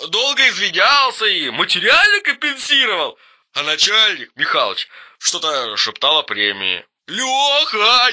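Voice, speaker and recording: A man's voice: a little high, bright, forceful tone, voice pushed up, exaggerated voice. A man voicing a drunk male auto mechanic calling a friend, slurring his words. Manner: slurring, tipsy.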